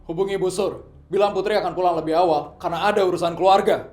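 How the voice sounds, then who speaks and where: A man voicing a wealthy, protective father who is quick to anger and gives loud commands. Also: a little high, fairly even intonation, lightly acted. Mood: commanding. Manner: commanding, raises his voice in anger. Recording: echoey room, faint music.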